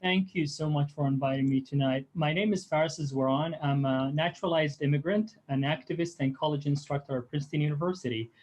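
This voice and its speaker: A man's voice: on the high side, a little fast, few pauses, a little mellow. A man from Syria, giving a heartfelt campaign statement with uh fillers. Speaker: political candidate.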